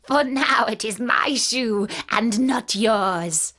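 A woman voicing a wicked, cunning old witch from a storybook, in a theatrical, drawn-out wail. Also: on the high side, a bit bright. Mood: gloating, defiant.

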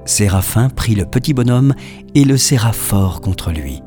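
A man narrating a children's storybook with a lowish voice that rises and falls expressively. His reading is warm and storytelling in tone. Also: lively intonation, a little slow, soft background music.

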